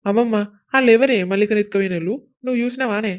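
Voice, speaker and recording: A woman's voice: on the high side, racing, lightly acted. A woman voicing a worried young village husband in a cartoon, pleading anxiously in a Telangana Telugu accent. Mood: questioning.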